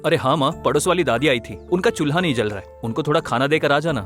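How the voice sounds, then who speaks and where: A man's voice: a little high, quick pace, a bit bright, natural voice. Male voice actor as earnest young student, brusque, music under the dub. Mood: plain. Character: earnest studious young man.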